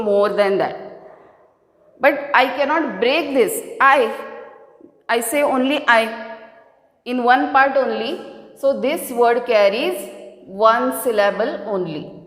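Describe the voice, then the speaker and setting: Slow, echoey woman teaching a grammar lesson. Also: on the high side, fairly bright tone. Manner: slow, repetitive, explaining step by step. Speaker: English teacher. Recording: echoey room with long reverb.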